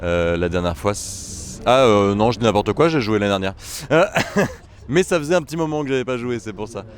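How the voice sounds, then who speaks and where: A man's voice: fairly low pitch, animated, a little fast. A young man, a musician, talking casually in an interview with many hesitant fillers and restarts. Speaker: trombonist and bandleader. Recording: music faintly behind.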